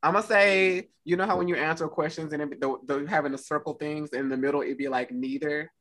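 A man's voice: fairly high pitch, flat delivery, fast talker, noisy background. A man co-hosting a podcast in casual chat, slangy and teasing, often laughing as he talks. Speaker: podcast co-host.

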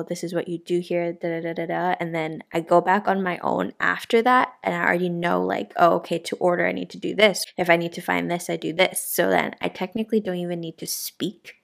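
A woman's voice: lowish voice, vocal fry. A young woman in casual conversation, telling stories in a chatty way and laughing often. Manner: chatty storytelling with frequent laughs. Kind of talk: casual chat.

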